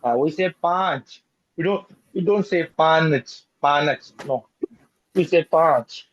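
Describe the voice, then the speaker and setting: A man's voice: fairly high pitch, a little slow, dry recording. A man teaching a children's language lesson, patiently repeating words and correcting pronunciation. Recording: dull lo-fi dry recording.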